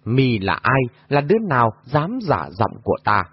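A man voicing a fierce, imperious woman martial sorceress who shouts commands in a shrill voice. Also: big pitch swings, fairly quick, slightly rough, no room sound. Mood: furious. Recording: dull lo-fi audio.

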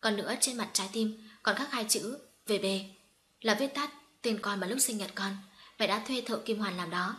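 A woman's voice: mid-range voice, moderate pace, sharp tone, natural voice. Brief: a woman reading a weeping middle-aged mother in an audio story, level mid voice. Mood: tearful. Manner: tearful, apologetic. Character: grieving middle-aged mother reunited with daughter.

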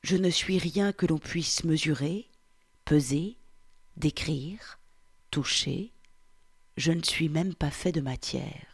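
A woman reading the part of a 47-year-old Frenchman, reciting in a slow, hushed, meditative way. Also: deep voice, husky, heavily acted. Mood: contemplative. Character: 47-year-old French man, pondering who he is. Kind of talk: reading a novel aloud.

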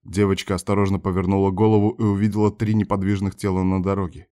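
A man narrating an audiobook with steady storytelling. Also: low-pitched, fast talker. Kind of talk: scripted narration.

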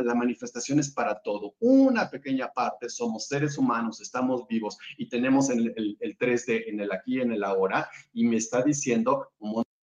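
A man who is a spiritual guest speaker answers audience questions and leads a calm guided visualization, talking in repeated lists with small restarts. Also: mid-range voice. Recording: roomy, dull lo-fi sound.

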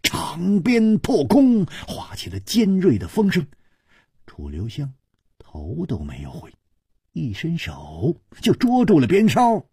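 Slow, dramatic male storyteller. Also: a little high, huge pitch swings, mellow, breathy edge, dry recording, studio quality. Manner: dramatic, rising and falling delivery. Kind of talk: traditional long-form oral storytelling.

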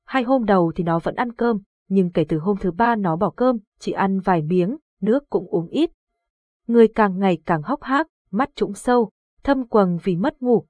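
A woman reading the lines of a grieving old village father in a horror audiobook, with a husky voice. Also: medium pitch, normal speed, darkish tone, dry recording, close to an everyday voice. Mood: worried. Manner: pleading, distraught.

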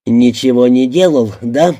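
A man's voice: medium pitch, measured pace, natural voice. A man playing a menacing tough cop. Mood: furious. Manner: blunt, menacing, shouting at times. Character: hard, threatening male police detective. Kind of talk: audiobook character voicing.

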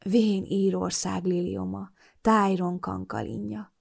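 A woman voicing a young man, a teasing boyfriend with a sharp, scornful edge, in an audiobook. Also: mid-range voice, lively intonation, close to an everyday voice. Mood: tender murmur. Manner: teasing, then scornful and cutting.

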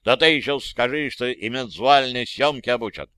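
A young tsarist officer, as an audiobook narrator puts him on, mocking and condescending toward the man he argues with. The voice is smooth and clear, with a mid pitch. The recording is dry and close. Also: normal speed, sharp tone, no room sound, lightly acted. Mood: indignant. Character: young sneering male tsarist army officer.

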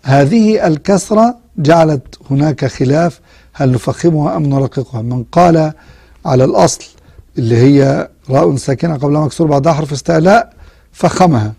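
Guy teaching tajweed, drags out example words slow, dark mellow voice, kinda high. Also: creaky, husky, dry recording. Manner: explains rules step by step, stretches example words slowly. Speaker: Quran recitation teacher. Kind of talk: tajweed lesson.

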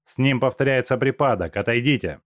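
A man reading aloud voices a stern, middle-aged asylum director, a doctor who gives firm, curt answers. His medium-pitched, fairly quick voice is pitched above his own yet close to an everyday voice, recorded in studio quality with no room sound.

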